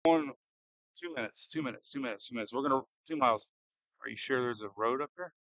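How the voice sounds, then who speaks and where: A man with a bright, forceful voice in a close, dry-sounding recording. He talks like a storm chaser live from behind the wheel, casual and a little edgy, thinking aloud and repeatedly asking questions. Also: medium pitch, quick pace, no room sound. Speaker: storm chaser and livestream host. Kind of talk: casual live commentary while driving. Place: inside a moving car in a storm.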